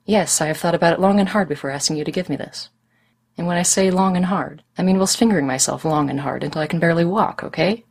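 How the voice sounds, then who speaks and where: A woman's voice: fairly low pitch, quick pace, vocal fry, husky. A woman voicing a brash, impatient young woman who jokes and pleads eagerly. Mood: impatient pleading. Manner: loud, eager, wheedling.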